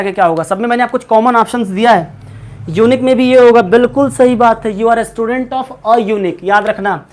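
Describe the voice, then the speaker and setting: A male English teacher giving a live online class, repeating questions and calling on students by name and pet name. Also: very high-pitched. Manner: keeps quizzing students, repeats questions, calls them by name and pet names.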